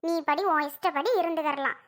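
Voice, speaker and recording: Woman voicing a reassuring young friend, very high bright voice, coaxing, cartoon. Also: steady tone, brisk. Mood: soothing. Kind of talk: cartoon voice acting.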